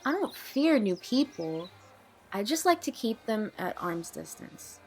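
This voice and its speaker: Here a woman's medium-pitched, darkish voice is very animated yet measured in pace as she plays Nicole, a young woman who is guarded, troubled, awkward and wary. The audio drama dialogue comes across as naturalistic amateur acting. She speaks hesitantly and plainly, in a guarded, confessional mood.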